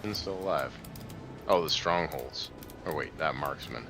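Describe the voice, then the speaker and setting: A man's voice: a bass voice, animated, measured pace, gravelly, noisy background. A man chatting casually and reactively as he plays a co-op game with friends. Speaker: player in a co-op game session. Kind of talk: casual gaming chat with some read-aloud narration.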